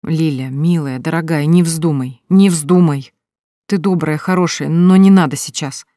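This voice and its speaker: A woman voicing a male boss in an audiobook, speaking slowly, steadily and firmly. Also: sits low, no echo, studio quality, lightly acted. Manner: slow, steady, firm. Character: calm commanding male boss.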